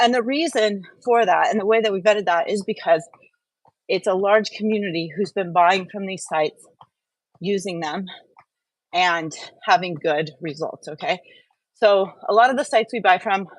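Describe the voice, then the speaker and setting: This mid-range female voice belongs to a wellness host livestreaming from a treadmill indoors at home, speaking plainly to viewers via earbuds as she warms up. There's no room sound, and the recording quality is low.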